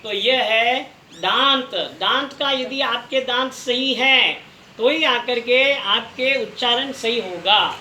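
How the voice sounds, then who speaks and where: A man teaches a lesson at an unhurried pace, repeating each syllable so listeners can copy it. His voice is bright and clear. The room around him is echoey, with a faint hum of background noise. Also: very high-pitched. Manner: patient, repeats each sound slowly for the listener to try. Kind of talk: recorded language lesson.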